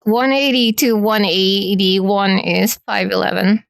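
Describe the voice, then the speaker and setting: Woman streamer just yapping and teasing chat, bit of vocal fry, dry close sound. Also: mid-range voice, steady tone, slow, no echo. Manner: playful, teasing.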